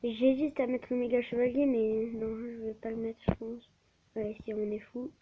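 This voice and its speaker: A woman's voice: a little high, flat delivery, normal speed, husky. A woman giving live gameplay commentary on her channel, often stammering and restarting words, recorded on a tablet mic. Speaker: gaming channel host. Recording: dull lo-fi with faint hiss.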